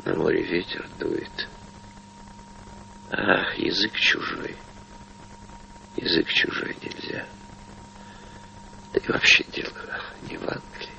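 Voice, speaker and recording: An actor playing an aging, gray-haired, embittered playwright on stage, swinging between broken whispers and furious shouts. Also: male voice, mid-range voice, very animated, unhurried, vocal fry, long pauses, slight background noise, exaggerated voice, rough recording. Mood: bitter muttering. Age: older. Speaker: lead actor in a stage play. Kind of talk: theatrical stage acting.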